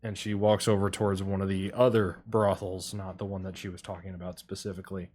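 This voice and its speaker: A man's voice: deep voice, little pitch movement, fairly quick, darkish tone, slightly rough. A man narrating as game master, rambling with many ums and crude casual humor.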